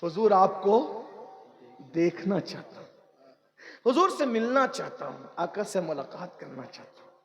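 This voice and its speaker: A man's voice: high voice, very animated, long pauses, a bit bright, heavily acted. A man voicing a weeping, ashamed young male sinner who pleads and repeats himself, inside a sermon story. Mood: pleading.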